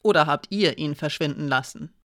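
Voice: mid-range voice, brisk, no room sound, clean studio sound, natural voice. A narrator voicing a proud woman guard who speaks sharply and with menace, in an audiobook. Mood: stern. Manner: sharp, hard, threatening.

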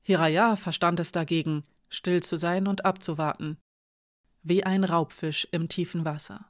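A narrator reading a novel aloud in a measured, even way. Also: mid-range voice, dry recording, clean studio sound. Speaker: audiobook narrator. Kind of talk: scripted narration.

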